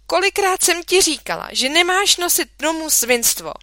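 A woman playing a shrill scolding storybook mother. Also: sing-song, no echo, clean studio sound, exaggerated voice. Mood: indignant. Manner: high, loud, indignant outbursts. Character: shrill scolding mother, exasperated and house-proud. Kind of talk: storybook reading.

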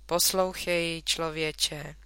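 A kind, patient storybook father, read by a woman, talks softly and reasonably. The voice stays bright and clear, and the recording is close and dry. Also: low voice, flat delivery, no room sound, pitched below the performer's own voice. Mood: gentle. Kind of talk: storybook reading.

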